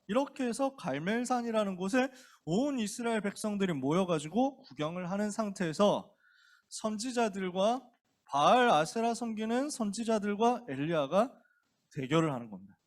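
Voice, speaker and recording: Male pastor telling a bible story to teens, super casual, acts out every character, voice high and all over the place. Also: lively intonation, normal speed. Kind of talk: youth sermon, casual storytelling.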